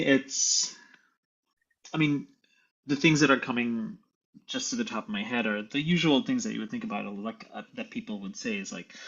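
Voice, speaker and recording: Husky, gravelly man on a muffled call. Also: on the low side, fairly bright tone. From Sri Lanka. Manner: thoughtful, hesitant with many restarts. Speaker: guest tenor. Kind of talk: casual conversation.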